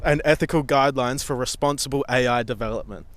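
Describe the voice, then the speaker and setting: A man's voice: mid-range voice, fast talker, fairly bright tone. A man co-hosting a casual podcast, teasing his friend and laughing often as he reads out a script. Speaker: podcast co-host. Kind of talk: casual chat.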